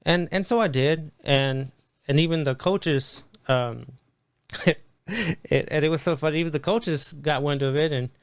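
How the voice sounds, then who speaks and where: Podcast guest, middle-aged man, lively storyteller who restarts phrases often, dry close sound. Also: on the high side, measured pace, clear, resonant tone, dry recording. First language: Spanish. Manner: animated storyteller, many restarts, acts out quoted voices. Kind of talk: casual storytelling interview.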